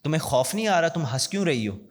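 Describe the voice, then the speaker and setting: A man quoting a calm samurai husband. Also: fairly high pitch. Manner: calm, gently reassuring. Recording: long hall reverb.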